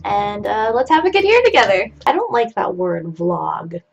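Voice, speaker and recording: A woman in the punk scene rambles through a casual vlog, earnest and grateful, her sentences full of fillers and restarts. Her voice sits at a middling pitch. The recording is muffled and lo-fi, with faint music underneath. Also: big pitch swings, normal speed, creaky, husky. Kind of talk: casual year-in-review vlog talk. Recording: dull lo-fi sound with faint background music. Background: faint background music.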